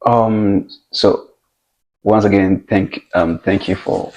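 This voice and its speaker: Deep, flat-voiced man from Ghana. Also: a little hiss or hum. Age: young adult. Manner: measured, reflective, with many hesitations. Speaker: guest. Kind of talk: casual interview conversation.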